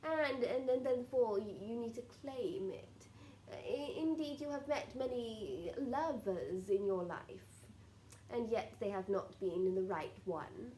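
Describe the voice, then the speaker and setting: A woman speaking as a seance medium in trance, giving solemn spiritual guidance in halting, repetitive, formally archaic phrases. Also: fairly high pitch, expressive, warm tone, a little hiss or hum, poor audio. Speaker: trance channeller answering questions as a spirit collective.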